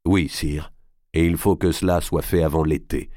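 A man's voice: extremely low pitch, steady tone, normal speed, dark tone, dry recording, clean studio sound. A man reading aloud and voicing a loyal older courtier, deferential and earnest.

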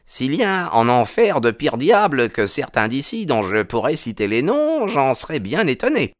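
A man putting on high-voiced warning policemen. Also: wildly swooping pitch, moderate pace. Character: two heavy, well-meaning male policemen.

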